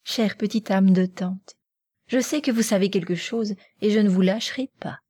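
A woman voicing an impulsive, eager teenage girl in an audiobook reading, pleading and excitable. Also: medium pitch, normal speed, husky, lightly acted. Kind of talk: audiobook character voice.

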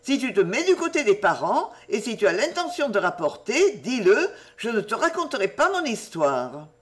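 A woman's voice: a little high, normal speed, voice pushed up. A woman doing a giddy, chattering teenage girl. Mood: teasing. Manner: breathless, excited chatter.

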